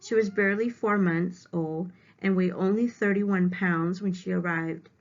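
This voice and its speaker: A woman reads aloud to young students as their teacher, pausing to explain words in simple terms. Her voice is on the low side, steady and a little slow. It's a dull, lo-fi recording made at home.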